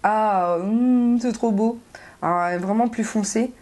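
A woman talking through a casual makeup haul as a beauty vlogger. She is chatty and expressive, swears offhandedly, and stammers and repeats herself when worked up. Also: medium pitch, slow.

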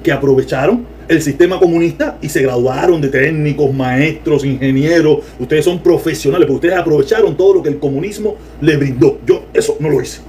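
A Cuban man with a Cuban Spanish accent, giving sarcastic, animated political commentary on a livestream and reading viewer comments. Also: on the high side, fairly quick, hardly any pauses. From Cuba.

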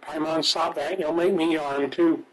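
Guy streaming a game, slightly high voice, reads stuff out loud, laughs a lot, faint hiss. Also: steady tone, measured pace, poor audio. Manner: reads in-game text aloud, chuckles often. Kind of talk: casual gameplay commentary.

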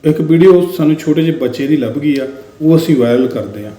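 Echoey, slightly high-voiced man vlogging. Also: brisk, warm tone. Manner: talks straight to viewers, repeats his points. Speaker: vlogger commenting on viral videos. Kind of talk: casual Punjabi commentary vlog. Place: indoor room in Bahrain.

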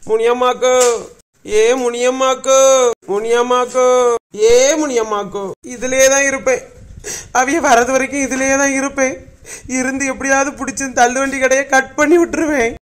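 A lonely older village man grumbles and calls out plaintively in a thick Kanyakumari accent, played by a woman. His voice sits high and barely rises or falls, a thin monotone nag. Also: moderate pace, natural voice. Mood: grumbling. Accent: Kanyakumari Tamil. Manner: grumbling to himself, calling out plaintively. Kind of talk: comic sketch acting.

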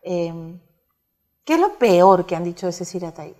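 A woman's voice: fairly low pitch, very animated, normal speed, dark tone. A Peruvian woman with a Spanish accent hosting an interview, sympathetic and prompting, often finishing her guest's sentences. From Peru. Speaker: TV interview host.

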